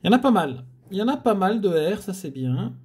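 A man's voice: high-pitched, big pitch swings, brisk, a little mellow, husky. A man hosting a scratch-card video, chatting casually to viewers as he scratches tickets and groaning at bad luck.

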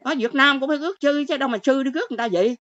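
An older woman with a Southern Vietnamese accent, hosting a livestream rant. She talks quickly and scolds her viewers with one exclamation after another. The audio is dull and lo-fi. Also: high voice, a bit bright.

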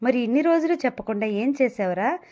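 A young man reacts with shock and teasing to his friend's news, as a woman reader voices him. The voice is fairly high and mellow. Audio novel dialogue. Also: expressive, brisk, lightly acted. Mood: surprised. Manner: surprised, teasing. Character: young man, surprised best friend, quick-tempered.

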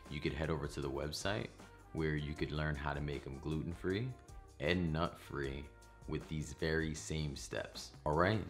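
Very deep-voiced man hosting a cooking vlog. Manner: playful and animated, jokey asides. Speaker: cooking channel host. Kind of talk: casual talk to camera, then voice-over. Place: home kitchen, indoors.

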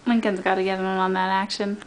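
A woman's voice: mid-range voice, little pitch movement, brisk, slight background noise, rough recording. A woman filming her dogs at home, cooing in baby talk and laughing often. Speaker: dog owner filming her pets. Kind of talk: casual home video chat. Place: home living room, indoors.

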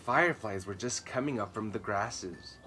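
A man in his thirties gives a dramatic, emphatic reading of a children's story while sitting on a garden patio outdoors. His voice is on the low side, pushed and bright, at a normal speed, with clear ambient noise in the background.

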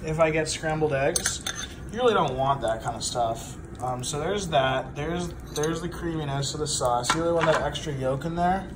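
A young man with a slightly high voice chats casually while cooking, drunk and rambling. His talk is loose and full of swearing. It is a noisy handheld phone recording in a home kitchen, with dishes and pans clattering. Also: normal speed. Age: young adult. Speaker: amateur home cook. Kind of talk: casual profane cooking chat. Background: pans and cutlery clattering.

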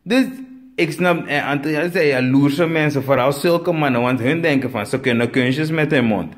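A man from Suriname with a Surinamese Dutch accent, telling a comic story and acting out the dialogue, with sudden high bursts. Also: moderate pace. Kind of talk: storytelling comedy.

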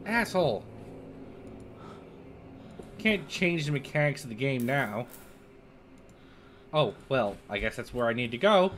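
A man's voice: medium pitch, expressive, unhurried, long pauses, a bit bright, a little hiss or hum. A middle-aged man giving casual, sardonic, sweary gameplay commentary on a stream. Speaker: game streamer. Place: indoor streaming setup. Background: game music.

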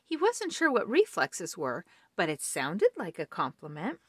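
A woman reading a children's storybook aloud with warm, expressive storytelling. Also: fairly low pitch, measured pace, husky, no room sound, clean studio sound. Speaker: storybook reader.

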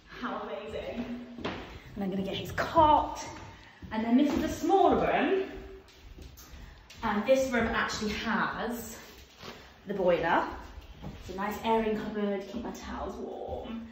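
An English woman vlogs a casual house tour through an empty home with bare rooms and wood floors, and her voice echoes around the empty spaces. Her medium-pitched voice is a little slow, with a slight hiss or hum, and her banter is chatty, playful and lively like a tour guide's. She films on a phone, sometimes held at arm's length and sometimes on a tripod.

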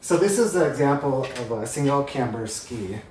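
A man's voice: medium pitch, animated, moderate pace, darkish tone, far from the mic, a little hiss or hum. Man explaining skis in a roomy room. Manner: explains step by step while handling skis. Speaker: ski instructor. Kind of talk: home demonstration tutorial. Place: living room by a brick fireplace. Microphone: far camera. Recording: roomy living room, voice from afar.

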